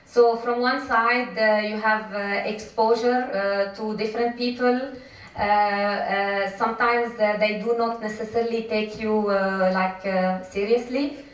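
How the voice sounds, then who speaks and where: Woman, middle-aged, from Lebanon, panel speaker, halting with fillers, distant mic, very echoey hall. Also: mid-range voice, steady tone. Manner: hesitant, many fillers. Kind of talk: conference panel talk. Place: conference hall.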